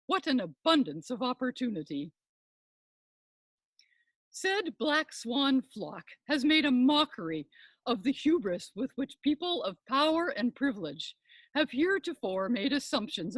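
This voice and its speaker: In character as a self-important professor and podcast host, an older woman performs a scripted comic monologue with florid, deliberate academic flair. She's high-pitched, and the recording is dry.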